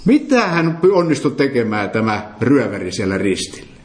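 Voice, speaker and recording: A man's voice: medium pitch, very animated, slight background noise. A man preaching an interactive sermon, emphatic, quizzing his listeners with questions. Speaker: preacher leading a Bible study. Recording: roomy echo.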